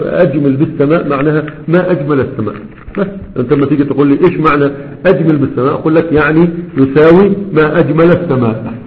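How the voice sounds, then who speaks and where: Egyptian male sheikh lecturing on grammar, rapid and questioning, keeps checking the class follows; muffled lo-fi recording. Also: a little high. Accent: Egyptian Arabic. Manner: explains with rhetorical questions and frequent comprehension checks. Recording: dull lo-fi recording.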